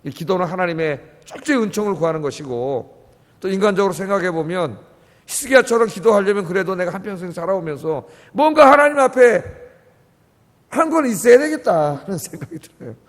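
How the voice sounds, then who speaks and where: A man preaching in a church sanctuary, his high voice carrying a long reverb through the room. He is impassioned, dropping to quiet asides and rising to loud pleading. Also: lively intonation, brisk. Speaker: pastor. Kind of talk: sermon.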